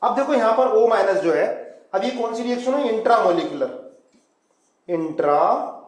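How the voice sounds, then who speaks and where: High-voiced Hindi chemistry teacher, echoey room. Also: male voice, animated, brisk. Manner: coaxing, calls students "beta", asks them to follow along. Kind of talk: classroom lecture at a whiteboard.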